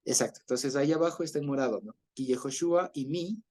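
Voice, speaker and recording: A man's voice: medium pitch, quick pace, a little mellow. A man teaching an online Bible class over a video call, explaining patiently, often checking in with listeners and chuckling as he goes.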